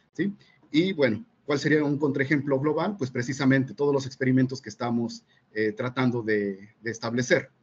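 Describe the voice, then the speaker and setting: A man, a physics teacher presenting at a seminar, measured and full of fillers and checking questions. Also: medium pitch, husky, lo-fi sound. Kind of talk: explanatory academic presentation.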